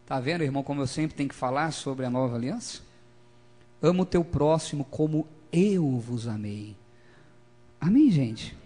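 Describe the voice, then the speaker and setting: A man preaching a lively sermon, calling for responses from the congregation and swinging between loud emphasis and quiet asides. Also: mid-range voice, moderate pace.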